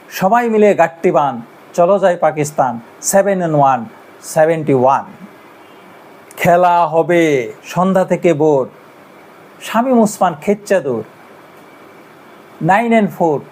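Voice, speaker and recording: Higher-pitched man calling bingo numbers in rhyme. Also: a little mellow. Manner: rhythmic, chanted rhymes ending on the number. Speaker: bingo caller.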